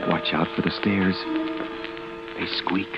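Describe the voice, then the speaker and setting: An actor playing a panicked young man hiding after a killing, narrating his dread in a tense, often hushed inner monologue. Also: sits low, little pitch movement, takes it slowly, very noisy. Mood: urging. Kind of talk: 1940s radio drama narration. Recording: dull old radio broadcast.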